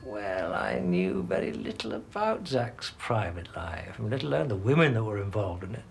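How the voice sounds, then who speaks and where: An actor playing a guarded, officious music business boss in a TV drama, formal and evasive. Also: male voice, lowish voice, sing-song, normal speed, gravelly, slight background noise.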